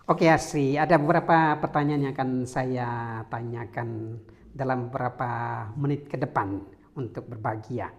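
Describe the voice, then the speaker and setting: A priest hosting an interview, asking questions in a measured way. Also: male voice, medium pitch, highs cut off. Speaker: podcast host, priest.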